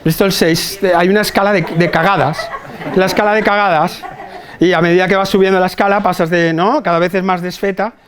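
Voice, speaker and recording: A man's voice: high-pitched, steady tone, fairly quick. A middle-aged man, a psychologist, giving a chatty, humorous talk to a live audience, telling stories, swearing casually and checking the crowd follows. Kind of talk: humorous conference talk to nurses. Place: hospital hall with a live audience.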